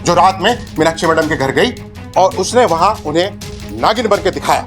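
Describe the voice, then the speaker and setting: Scolding school principal, high voice for a man, TV drama. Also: animated, moderate pace. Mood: stern. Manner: scolding, sarcastic. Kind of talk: TV serial acting. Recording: music playing behind.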